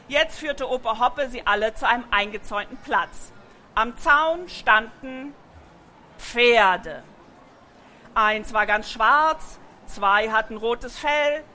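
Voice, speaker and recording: A woman reading a children's book aloud, with gentle, expressive storytelling. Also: a little high, a little hiss or hum. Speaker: narrator.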